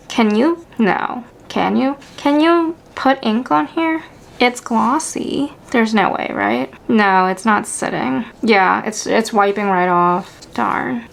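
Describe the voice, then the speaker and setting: A woman's voice: a little high, vocal fry, a little hiss or hum. A young woman vlogging casually to camera as she tests stationery inks at a home desk, chatty and talking to herself, with wry asides. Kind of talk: casual ink-swatching chat to camera.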